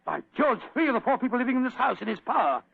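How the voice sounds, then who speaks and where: An actor playing a bluff, excitable male doctor sidekick in an old radio drama, blustering and stammering. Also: extremely high pitch, rapid-fire, gravelly, husky, no room sound, exaggerated voice. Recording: dry phone-like old radio recording.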